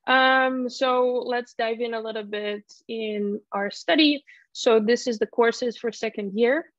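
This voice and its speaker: A woman in her early twenties from Finland, a student presenting her study program on a video call, hesitant with many pauses and restarts. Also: on the high side, steady tone, fairly bright tone, no room sound. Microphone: laptop mic on video call. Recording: dull, lo-fi video call audio.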